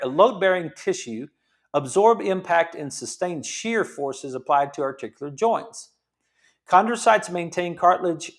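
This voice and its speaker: A man in his fifties, a chiropractor, giving a casual health talk that explains things, repeats points and asks rhetorical questions. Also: sits high. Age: 50s. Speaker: chiropractor host.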